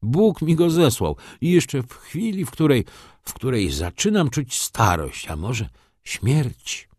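A man's voice: medium pitch, big pitch swings, slow pace, darkish tone, dry recording, clean studio sound, voice pushed up. A man voicing an agitated, tearful elderly nobleman father in an audiobook reading. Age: older. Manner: emotional, exclaiming, breaking into tears.

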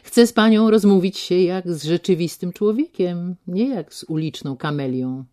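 A woman voicing a deaf older gentleman who talks loudly and insistently, with a dry, teasing manner. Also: lowish voice, expressive, moderate pace, natural voice.

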